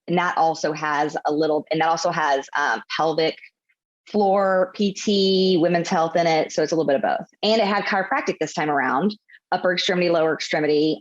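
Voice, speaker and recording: Thirty-something woman pt guest, lowish voice, kinda muffled lo-fi audio, explains stuff at length. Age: 30s. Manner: explains methodically in long runs. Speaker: physical therapist guest. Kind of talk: casual interview chat. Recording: dull lo-fi audio.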